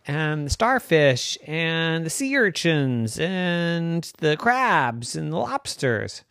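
A man voicing an eager, adventurous young male unicorn who pleads excitedly in a storybook tale. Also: on the high side, slow, creaky, no echo, studio quality, pitched above the performer's own voice, heavily acted.

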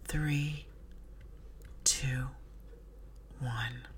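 Woman, sleep story narrator, guided relaxation, low pitch, very slow pacing, hushed and breathy, soothing, whispery phrase endings. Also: steady tone, a little hiss or hum. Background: slow music with drum beat.

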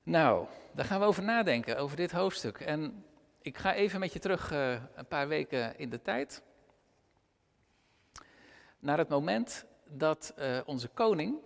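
A man preaching a sermon after a Bible reading, with an expressive delivery and a gravelly voice. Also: long reverb tail. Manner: expressive, with wide pitch swings.

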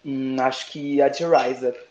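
A man's voice: mid-range voice, steady tone, measured pace, crowd noise. A man, a drag queen guest, chatting playfully in campy slang about competing. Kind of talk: casual interview chat. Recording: roomy, dull lo-fi sound.

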